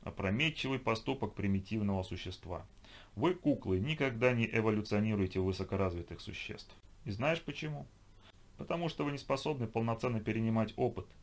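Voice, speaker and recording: A man voicing a calm, contemptuous inhuman twilight creature that taunts its human enemies. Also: lowish voice, fairly quick, close to an everyday voice. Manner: calm, mocking, superior. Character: cold, contemptuous inhuman twilight being, female.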